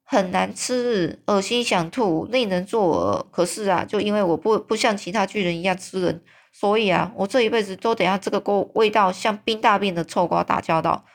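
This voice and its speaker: A woman's voice: medium pitch, steady tone, a little fast, creaky, lightly acted. Woman doing a big, old, kindly giant. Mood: disgusted. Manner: loud, exclaiming, sorrowful grumbling. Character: huge, very old, kindly male giant who mangles words.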